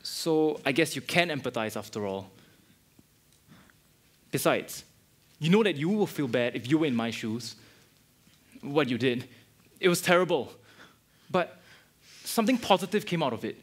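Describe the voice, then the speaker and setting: A man's voice: fairly high pitch, animated, normal speed, pauses often, husky. A young man acting in a student stage play as a hurt but forgiving friend who talks earnestly and thoughtfully. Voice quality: earnest, reflective.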